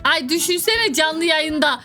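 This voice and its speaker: A woman co-hosts a casual gameplay video, cheering and teasing the player as they go. Her voice is very high, with a bright, sharp edge. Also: measured pace, soft background music. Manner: excited, teasing, urges the player on. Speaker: gaming channel co-host.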